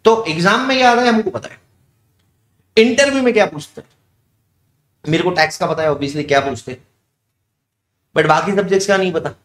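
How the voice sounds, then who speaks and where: A man's voice: high voice, a little fast, pauses often, fairly bright tone. A young male teacher talking with his students in a chatty aside, asking questions and then answering them himself. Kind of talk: casual classroom digression. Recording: echoey room.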